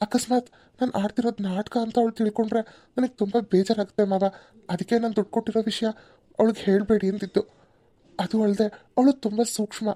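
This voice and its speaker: A woman voicing a calm, caring young husband in a cartoon serial, with a soft, reassuring way of explaining. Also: mid-range voice, fast talker, no echo, close to an everyday voice. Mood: gentle.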